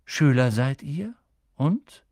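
A man voicing a melancholy, cryptic male centaur in an audiobook, speaking slowly and solemnly. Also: medium pitch, animated, a little mellow, no room sound, clean studio sound, pitched above the performer's own voice. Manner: slow, solemn, evasive. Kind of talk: audiobook character voice.

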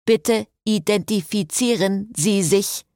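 A woman's voice: mid-range voice, takes it slowly, mellow, no room sound, studio quality, pitched above the performer's own voice. A woman voicing a polite, formal car computer in a read-aloud novel. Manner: formal announcement tone.

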